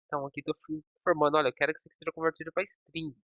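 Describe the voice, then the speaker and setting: A man with a fairly high voice walks through code on screen, checking in often with "ok?" as he goes. The sound is dry and a little dull, like a lo-fi desk mic close to a computer. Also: flat delivery, rapid-fire, no echo. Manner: talks through code step by step, checking with "ok?" and "certo?". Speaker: programming teacher. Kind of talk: screen-recorded coding tutorial.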